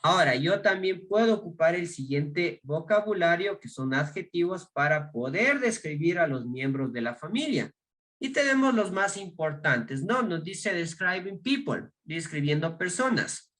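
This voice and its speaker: With an Ecuadorian Spanish accent, a man runs an online English class, slowly reading each English word aloud and explaining it in Spanish. His voice is fairly high and fairly bright as he models the English words.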